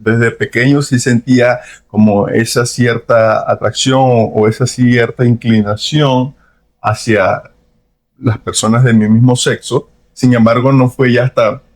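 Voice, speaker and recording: A man's voice: medium pitch, fairly even intonation. A young Venezuelan man with a Venezuelan accent, giving a personal testimony as a podcast guest in an earnest, reflective way. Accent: Venezuelan Spanish. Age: young adult. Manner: earnest, reflective, with frequent pauses and hedges.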